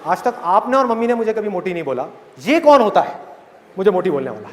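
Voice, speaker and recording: A man's voice: sits high, big pitch swings, fast. A man voicing an indignant newlywed daughter who dramatically complains to her father. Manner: dramatic, outraged storytelling voice. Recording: reverberant hall with faint ambience.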